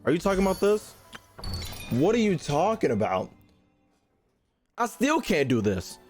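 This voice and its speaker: A man's voice: high-pitched, wildly swooping pitch, measured pace, a little mellow, faint music behind. A man streaming games, bantering with viewers in slangy, exclamatory talk and often repeating his phrases. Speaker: live streamer. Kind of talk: casual gaming stream chat.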